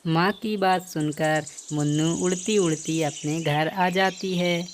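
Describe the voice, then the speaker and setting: A woman narrating a children's cartoon story in a plain, steady way. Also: fairly low pitch, unhurried, slight background noise.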